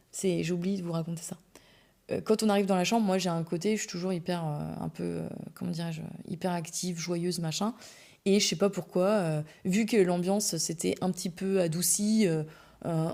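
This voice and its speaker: Young adult woman, podcast host; casual candid storyteller, slangy and filler-heavy, gravelly mid-range voice. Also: on the low side, dark tone. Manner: chatty, candid and slangy, full of "euh" fillers.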